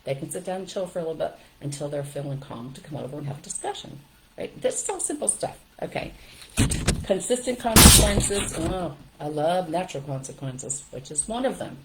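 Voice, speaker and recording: An older woman giving parenting advice in a direct, lively way, often checking in with "okay?" and "right?". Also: low voice, a little fast, noisy background. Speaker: parenting coach.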